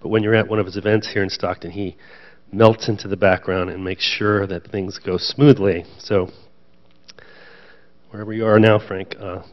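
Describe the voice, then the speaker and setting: A man with a fairly low voice and flat delivery speaks at a moderate pace as a conference panelist and association president. His remarks to the audience in the conference room are chatty and lightly self-mocking, recorded in dull, lo-fi sound.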